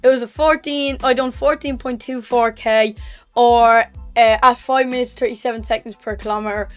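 Higher-voiced young Irish woman vlogger. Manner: chatty, matter-of-fact, self-correcting. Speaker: running vlogger. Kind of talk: casual training recap to camera.

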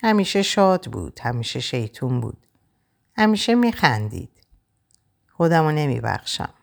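A woman narrating a novel in the first person, in a quiet, reflective, measured way. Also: sits low, big pitch swings, creaky. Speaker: audiobook narrator.

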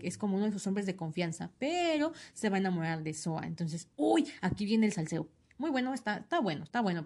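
Chatty woman reviewing comics. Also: mid-range voice. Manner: chatty, opinionated, animated asides. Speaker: podcast host reviewing comics. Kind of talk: casual chat.

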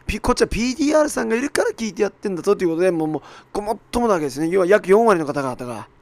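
A male podcast host speaks alone in a hoarse, raspy voice that sounds worn out from shouting. The pitch sits slightly high for a man, and the sound is dry and close. His delivery is casual, apologetic and self-deprecating. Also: big pitch swings, rapid-fire, no echo. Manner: self-deprecating, apologetic, with mock-quoted asides. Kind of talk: casual solo podcast monologue.

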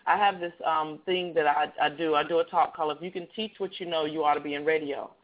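A male radio show host, his voice on the high side with a steady tone, talks at a quick pace and says he has a heavy voice. He chats loosely in an interview, rambling and restarting his sentences. The line sounds tinny, like a phone.

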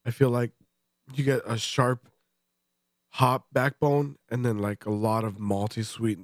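A man's voice: medium pitch, level tone, measured pace, dry recording, clean studio sound. Stuffy-nosed man joking through a beer tasting. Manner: profane, joking, laughs often. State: stuffy, congested. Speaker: podcast co-host. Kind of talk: casual beer-tasting chat.

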